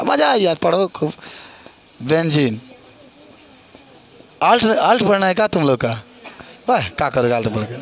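Teaching a chemistry class, this middle-aged man quizzes his students and echoes their replies with encouragement. His voice sits high, and his Hindi accent is from eastern Uttar Pradesh.

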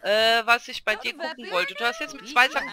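A woman's voice: a little high, expressive, brisk, crowd noise. A woman casually commenting on her own gameplay, chatty and coaxing, talking to her game characters like children. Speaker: let's play gamer.

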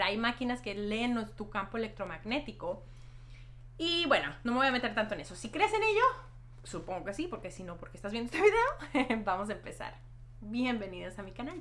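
A woman's voice: a little high, a bit bright, a little hiss or hum. A young woman chatting casually to camera as a vlog host, explaining things emphatically and repeating words for stress. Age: young adult. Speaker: YouTube host and hypnotherapist. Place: small decorated room at home, indoors.

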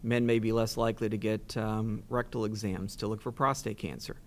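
A man's voice: on the low side, fairly even intonation, a little fast. A middle-aged man on a studio panel, explaining in a plain way with some fillers. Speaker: oncologist on a panel. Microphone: desk mic.

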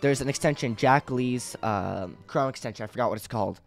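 A man's voice: mid-range voice, brisk, vocal fry. A young man giving casual, rambling gameplay commentary as a video creator, talking like a hyped gamer bro. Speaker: video creator demonstrating his own program. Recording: music playing underneath.

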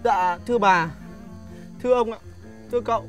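A woman's voice: medium pitch, faint music behind, lightly acted. An actress playing a frightened servant who begs her masters to let her explain. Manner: pleading, hurried.

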